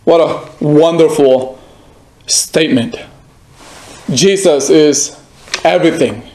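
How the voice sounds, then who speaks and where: A man's voice: fairly high pitch, slow pace, a little mellow. A male pastor preaching emphatically, repeating phrases and asking the listener direct questions. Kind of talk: sermon. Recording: echoey room.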